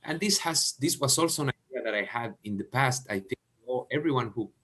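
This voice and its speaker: A man from Chile hosts an online seminar in a halting manner, with audio cutting out and uneven volume on a close headset mic. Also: medium pitch, lively intonation, a bit bright, slightly rough. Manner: halting, restarts words often. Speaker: seminar host. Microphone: headset mic close to the mouth.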